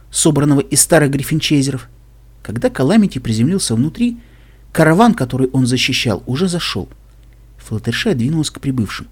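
Husky male audiobook narrator. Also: mid-range voice, a little mellow. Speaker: audiobook reader. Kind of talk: scripted narration.

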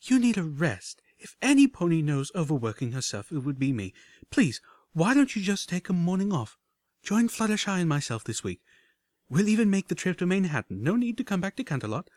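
A man's voice: sits high, very animated, a little fast, darkish tone, dry recording, voice pushed up. A man voicing an elegant, fussy adult mare pony with a refined, affected way of talking, heard as a message played back from an old terminal. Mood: gushing. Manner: refined, affected, breezy talk. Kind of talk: audiobook character voice.

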